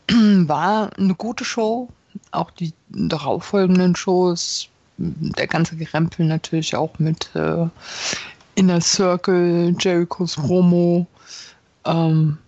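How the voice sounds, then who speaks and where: A woman's voice: fairly low pitch, fairly even intonation, slow, warm tone, dry recording. A woman chatting casually as a podcast co-host, hesitant and full of fillers and restarts. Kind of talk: casual wrestling chat. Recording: dull, dry lo-fi sound.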